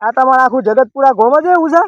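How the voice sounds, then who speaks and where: Weary complaining older man, high voice. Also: lively intonation, fast talker, no room sound. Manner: weary, complaining, rustic dialect. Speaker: lost invitation carrier. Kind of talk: rustic village comedy sketch. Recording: dull lo-fi dry sound.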